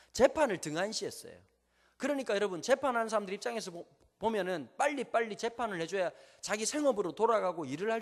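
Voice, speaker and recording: A man with a Gyeongsang Korean accent preaching a sermon to a congregation, telling stories and asking them rhetorical questions. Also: sits high. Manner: normally talks very fast, slowing down on purpose. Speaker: pastor. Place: church sanctuary before a congregation. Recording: long church hall reverb.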